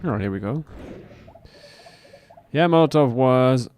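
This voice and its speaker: A man's voice: mid-range voice, a little slow, no echo. Man chatting while gaming. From Finland. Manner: relaxed, answers chat as he plays. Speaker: streamer. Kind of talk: casual gameplay commentary.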